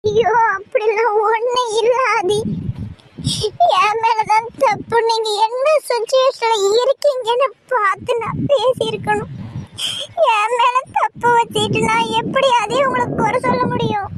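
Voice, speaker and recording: A woman plays a gentle young wife in a cartoon drama, soft and tender and quick to blame herself. Her voice sits very high, with a faint hiss of noise behind it. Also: steady tone. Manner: soft, tender, self-blaming. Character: gentle young wife, hurt but forgiving.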